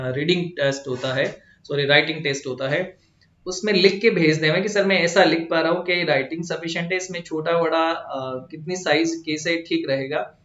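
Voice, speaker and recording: A man's voice: on the high side, fairly bright tone. A man teaching an online exam-prep lesson, speaking in a direct, instructive way to his students. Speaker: exam coach. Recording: echoey room, dull lo-fi sound.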